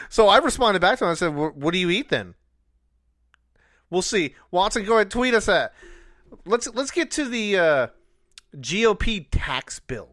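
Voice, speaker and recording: A man's voice: high voice, big pitch swings, moderate pace, pauses often, fairly bright tone, no echo, studio quality. A man hosting a casual talk radio show, upbeat and teasing. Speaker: radio host.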